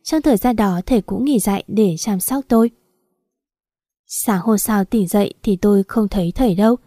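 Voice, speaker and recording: A woman narrating a first-person romance story in a soft, steady read. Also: medium pitch, moderate pace, dry recording, clean studio sound. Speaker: audiobook narrator.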